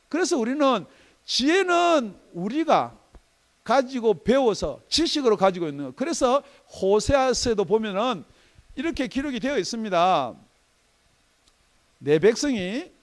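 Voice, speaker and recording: A man preaching a sermon as pastor in a church, emphatic, asking rhetorical questions and swinging between loud and soft. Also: very high voice. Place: church sanctuary.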